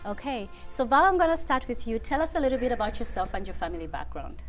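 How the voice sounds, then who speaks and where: Woman host of a studio interview, a touch high-pitched, upbeat and encouraging, with faint music underneath. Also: sing-song, fast talker. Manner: upbeat, laughs often, encouraging. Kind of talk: TV interview with scripted intro.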